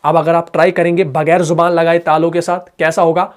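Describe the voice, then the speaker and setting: A man's voice: fairly high pitch, little pitch movement, a little fast. A man teaching Quran recitation, patiently repeating points, checking that students follow and demonstrating sounds aloud. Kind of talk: explanatory lesson.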